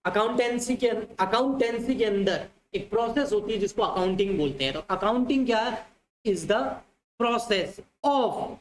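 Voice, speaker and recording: The male commerce teacher lecturing online has a voice that sits high and a moderate pace. He repeats points, puts questions to his students and refers to them as dear children; there's slight background noise, an echoey room and faint ambience.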